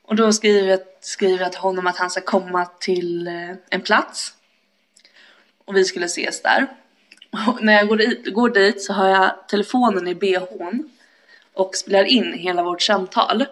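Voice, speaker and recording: A woman's voice: mid-range voice, steady tone, a bit bright. A young woman with a Kumla Swedish accent, chatting casually and telling a story with quoted voices, swearing and laughing often. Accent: Swedish, from around Kumla.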